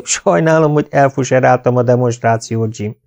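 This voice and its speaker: A man voicing an excitable, self-assured male veterinary surgeon in an audiobook reading, with boastful, exclaiming delivery. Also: mid-range voice, gravelly, highs cut off, lightly acted. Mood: cheerful.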